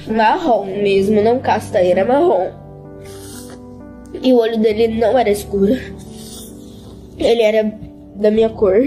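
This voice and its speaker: A teenage girl with a high, mellow voice tells of a deeply personal experience in an interview. She speaks earnestly and haltingly, circling back and repeating words as she searches for them. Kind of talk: emotional testimony.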